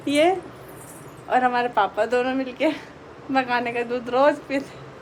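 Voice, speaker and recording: High-voiced young woman vlogging at home. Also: takes it slowly, a little hiss or hum. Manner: chatty, affectionately reassuring. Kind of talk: casual family vlog talk.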